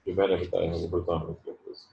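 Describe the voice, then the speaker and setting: A man teaching a botany class online, explaining terms slowly and stressing how to pronounce them. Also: low voice, level tone, vocal fry, roomy sound, muffled recording, a little hiss or hum. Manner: slow, explanatory, stresses pronunciation. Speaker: botany professor. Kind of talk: online lecture.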